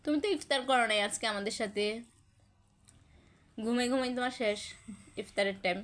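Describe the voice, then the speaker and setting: A woman's voice: on the high side, brisk, a bit bright. Coaxing young mother. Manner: sing-song coaxing, calling the child's name over and over. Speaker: vlogger, mother. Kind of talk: casual home vlog, coaxing a sleepy child.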